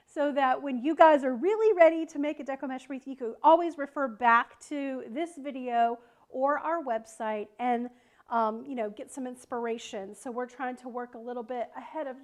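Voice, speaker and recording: A woman with a Southern American accent teaching wreath making on a live stream, chatting with viewers and greeting them by name as she works. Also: sits high. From South Carolina, United States. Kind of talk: live-stream craft tutorial.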